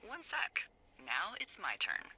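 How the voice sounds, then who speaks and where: A woman's voice: mid-range voice, huge pitch swings, takes it slowly, bright, forceful tone, husky, full character voice, poor audio. An actress playing a playful, needling woman fire lookout talking over a radio handset. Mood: teasing. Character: teasing, nosy adult woman fire lookout.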